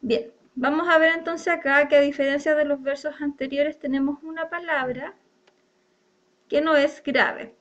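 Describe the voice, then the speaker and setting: Woman teacher walking through a lesson, high voice, kinda dull lo-fi sound. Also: fairly even intonation, normal speed, a bit bright. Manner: explanatory, checks in with "¿verdad?". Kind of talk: online class lesson on poetic meter.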